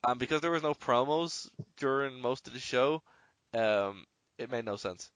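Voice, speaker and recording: A man's voice: mid-range voice, moderate pace, a bit bright, clean tone, no room sound. An Irish man hosting a podcast, chatting casually and rambling with lots of "you know". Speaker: podcast host.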